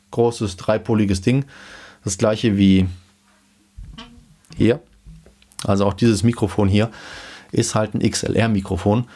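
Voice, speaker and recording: A man in his thirties explaining gear in a casual home-studio vlog, relaxed with many fillers, into a dynamic studio mic. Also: fairly low pitch. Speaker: YouTube host explaining car audio gear. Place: small home studio room indoors. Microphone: dynamic studio mic in front of him.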